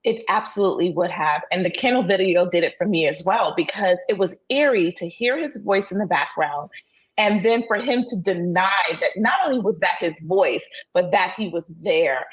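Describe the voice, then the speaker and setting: A woman giving firm, decisive legal commentary as a panelist, her voice slightly husky. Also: lowish voice, moderate pace, highs cut off. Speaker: criminal defense attorney, legal panelist.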